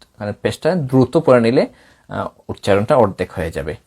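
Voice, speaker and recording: A middle-aged man from Bangladesh, a Quran recitation teacher giving a tajweed lesson in a measured, explaining way, now and then breaking into chanted recitation. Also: lowish voice, very animated, a little mellow.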